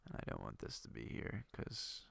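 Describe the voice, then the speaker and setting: Talking at normal speed in a slightly bright voice, a young man with a stuffy nose from a cold rambles through casual commentary on his game for his gaming videos, thinking aloud and using lots of fillers.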